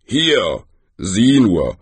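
A man voicing a huge, gloomy male troll who speaks slowly and deliberately. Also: very animated, breathy edge, no room sound, exaggerated voice. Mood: earnest. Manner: slow, deliberate and rumbling.

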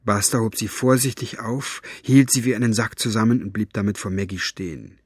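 A man reading a story aloud as narrator, with a lively, varied delivery. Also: lowish voice, brisk, husky, no room sound, studio quality. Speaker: audiobook narrator. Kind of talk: expressive audiobook reading.

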